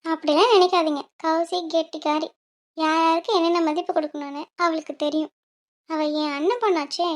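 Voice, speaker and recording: A woman voicing a reassuring high-voiced aunt. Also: fairly even intonation, brisk. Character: reassuring middle-aged aunt. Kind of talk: cartoon voice acting.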